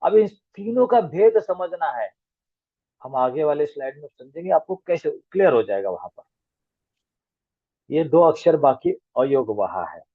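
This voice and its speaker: A man's voice: fairly high pitch, big pitch swings, measured pace, husky, no room sound. A man teaching a grammar class online, patiently spelling out letter sounds one at a time. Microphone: video call. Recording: tinny dry call audio.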